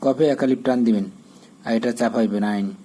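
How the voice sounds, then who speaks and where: A man teaching how to read a Quran chapter, spelling out the Arabic letter by letter and then intoning each verse slowly. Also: mid-range voice, mellow, poor audio.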